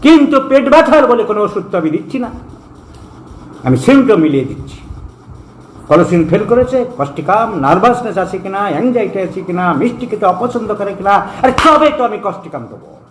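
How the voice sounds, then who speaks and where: A man's voice: high voice, sing-song, brisk, reverberant, slight background noise, poor audio. A man from India, a homeopathic doctor, giving an emphatic, scolding lecture and slipping English medical terms into his talk. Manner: emphatic, scolding, repeats phrases for stress; mixes English terms into speech.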